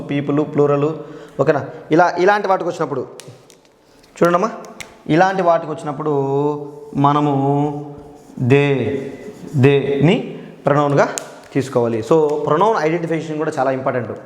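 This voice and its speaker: A man with a slightly high voice teaches grammar. He says each term slowly and often stops to ask the class a question. The room around him is echoey, with a long hall-like tail. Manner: repeats key words slowly, asks the class questions. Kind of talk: grammar lesson.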